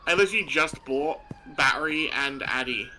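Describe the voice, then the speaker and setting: A man's voice: a little high, moderate pace. A man chatting casually as he plays a game with others on a stream, with noisy audio. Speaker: co-player in a livestreamed game.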